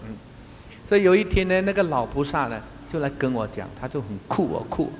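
A man gives a Buddhist Dharma talk as a monastic teacher, telling funny anecdotes with lots of chuckles. His voice sits high and swings widely up and down. The sound rings out in a reverberant hall with a faint hum underneath. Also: fairly quick. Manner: animated storytelling, chuckles often.

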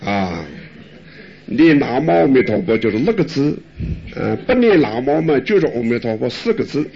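An older male monk gives a teaching in a lively, swooping voice that rises and falls a lot. He chuckles and poses rhetorical questions in a homely way. The recording is dull and lo-fi. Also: mid-range voice, normal speed. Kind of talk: dharma talk answering questions.

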